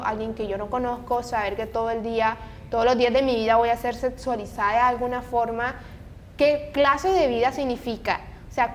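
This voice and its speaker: A woman hosting a casual talk podcast, speaking in an earnest, opinionated way. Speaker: podcast host. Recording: noisy, low rumble behind voice. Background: rumbling background noise.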